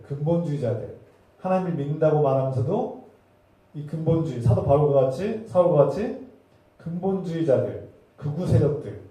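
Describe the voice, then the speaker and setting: In a church sanctuary, a pastor with a medium-pitched, warm voice preaches an impassioned, emphatic sermon, driving his points home with repeated phrases. The sound is echoey and hall-like, his voice heard from a distance.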